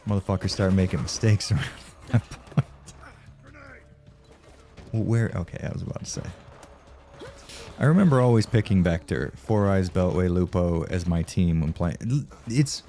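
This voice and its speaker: Man streaming live, deep, mellow tone, profane and rambling, faint music behind. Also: slightly rough. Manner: profane, rambling, laughs often. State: tired from no sleep. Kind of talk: casual live-stream chat.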